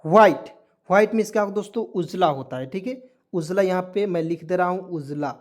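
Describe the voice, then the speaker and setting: A man's voice: high-pitched, a little fast. Fields: Sex: man. Role: English teacher. Style: lesson. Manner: repetitive, questioning, drilling. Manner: drills words, repeats questions to viewers.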